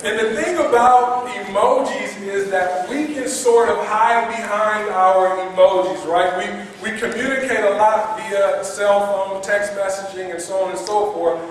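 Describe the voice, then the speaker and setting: A fairly high-pitched man preaching as a pastor, upbeat and conversational, stacking repeated words for emphasis and tossing questions to the congregation. He sounds distant from the mic, his voice ringing through a very echoey church hall with a long tail of reverb and faint noise underneath. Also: unhurried, hardly any pauses. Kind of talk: sermon.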